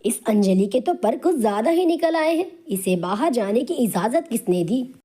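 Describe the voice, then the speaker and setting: A harsh, bullying middle-aged aunt, as a woman voices her in a cartoon story. She taunts and scolds with a high, mellow tone. The voice acting is animated and sharp-tongued. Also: normal speed, breathy edge. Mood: angry.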